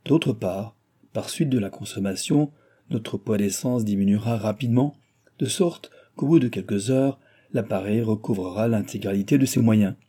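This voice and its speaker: A man's voice: on the low side, mellow, slightly rough. A man voicing a methodical aircraft engineer. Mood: explaining. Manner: explains plans in long, measured sentences. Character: proud male aircraft engineer, calm and methodical.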